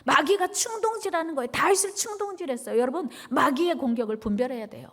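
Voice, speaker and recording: Woman pastor, animated sermon, high lively pitch, drives call-and-response. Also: fast talker. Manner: emphatic repetition.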